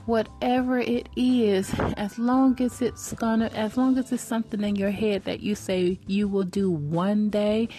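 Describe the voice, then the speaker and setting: Earnest woman, 40s, mellow tone, faint music under her, preacherly motivational talk. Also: mid-range voice, steady tone, unhurried, few pauses. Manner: earnest, preacherly, repeats phrases for emphasis. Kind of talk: faith-based motivational talk.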